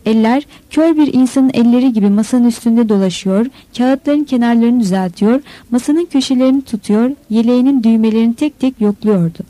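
Woman, audiobook narrator, steady reading, slightly high voice, dry sound. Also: a little fast, hardly any pauses, dry recording, low-quality recording. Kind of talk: scripted narration.

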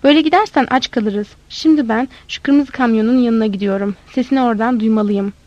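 Woman doing a bossy street boy, loud and fiery, pitched high, dry lo-fi sound. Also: brisk, dry recording, lightly acted. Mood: teasing. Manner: loud and insistent, scolding.

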